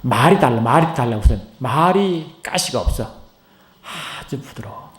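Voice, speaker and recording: A man's voice: lively intonation, moderate pace. Middle-aged pastor man in an echoey church. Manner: swings from loud high rising calls to low hushed asides; asks the congregation many questions. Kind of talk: sermon. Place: church sanctuary. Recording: roomy church echo.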